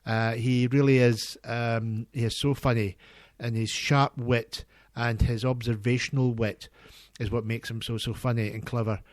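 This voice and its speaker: A man hosting community radio talks earnestly and with real enthusiasm, his delivery halting and chatty. His mid-range voice comes through a close studio mic with a dry, dead sound and no room around it. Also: mid-range voice, flat delivery, no room sound. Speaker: radio presenter.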